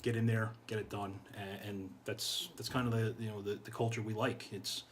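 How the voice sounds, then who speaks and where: In an indoor podcast studio, a middle-aged American fire chief answers interview questions at a moderate pace. His voice is on the low side with little pitch movement, his manner casual and earnest, and he repeats phrases for emphasis. The recording carries clear background noise and room ambience.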